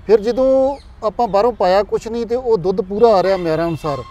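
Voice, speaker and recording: A man's voice: sits high, quick pace, warm tone, dull audio. A man with a Punjabi accent, a dairy expert on a talk show, explaining earnestly with figures and examples. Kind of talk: explanatory interview answers.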